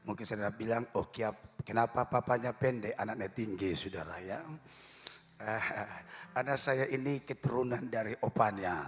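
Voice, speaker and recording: A man preaching as a guest pastor in a church service. He talks in a chatty, joking way, often closing phrases with a tag to the congregation. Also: lowish voice. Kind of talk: sermon. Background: live church music.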